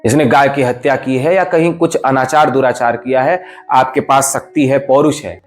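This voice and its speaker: A man's voice: mid-range voice, steady tone, moderate pace, faint music behind. A man, a spiritual teacher, giving a devotional discourse in an emphatic, explanatory way. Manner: emphatic, explanatory, rises and falls sharply for stress.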